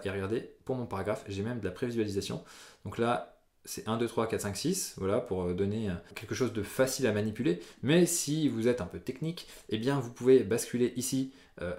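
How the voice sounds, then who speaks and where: A man hosting a casual software tutorial, chatty and upbeat with frequent filler sounds as he talks through his screen. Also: lowish voice, reverberant. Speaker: WordPress tutorial host.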